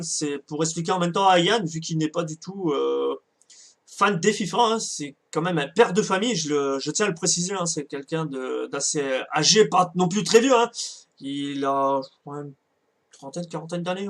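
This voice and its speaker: A man casually commenting on a football video game, hesitant, with many fillers and self-corrections. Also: fairly high pitch. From France. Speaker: gaming channel host. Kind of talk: casual let's-play commentary.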